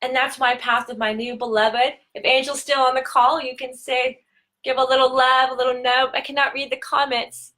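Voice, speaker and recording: A woman tantra teacher hosting a live-streamed talk, speaking earnestly and slowing down on key words. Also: high voice, flat delivery, bright, forceful tone.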